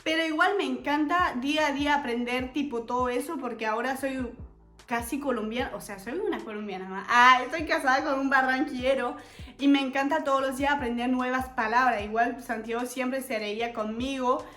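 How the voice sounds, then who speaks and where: A woman's voice: high voice, fairly even intonation, fairly quick, fairly bright tone. A French woman in her twenties, a native French speaker, chatting casually to camera in a playful, giggly way as a vlogger. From France. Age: 20s. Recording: echoey room with faint music.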